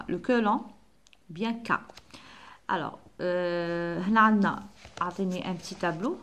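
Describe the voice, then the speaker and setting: A woman primary school teacher, slowly spelling out letters and sounds from a workbook and slipping into Arabic dialect. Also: mid-range voice. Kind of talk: workbook lesson for children.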